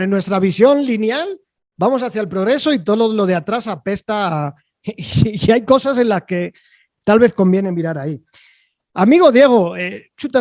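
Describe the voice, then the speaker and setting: A man hosting an online interview over a video call, chatty and rambling, filling pauses with "eh" and checking in with "¿vale?". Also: high voice, darkish tone, dry recording, clean studio sound. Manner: chatty, rambling, with frequent fillers and "¿vale?" tags. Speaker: host.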